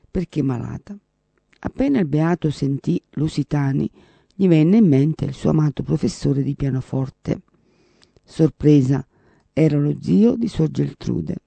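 A man reading a devotional story aloud in a measured, solemn way. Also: fairly high pitch, vocal fry, mellow, dry recording. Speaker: narrator. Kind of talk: scripted narration of a devotional story.

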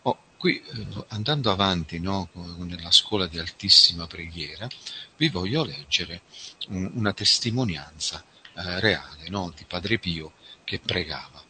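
Man preaching a reflective spiritual talk; low, tense, cutting timbre. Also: sharp tone, a little hiss or hum. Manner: slow, reflective, addresses listeners as friends. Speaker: religious speaker. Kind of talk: spiritual talk reading a testimony.

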